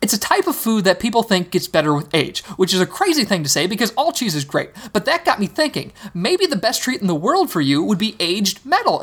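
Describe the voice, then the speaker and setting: A storyteller voicing an eager, excitable young boy who talks brightly and quickly. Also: mid-range voice, voice pushed up. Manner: bright and eager, talking fast.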